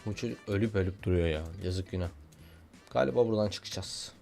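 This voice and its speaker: A young man giving casual, excitable commentary while playing a video game, joking and shouting at what happens on screen. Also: on the low side, fast talker, vocal fry, faint music behind. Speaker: gaming YouTuber.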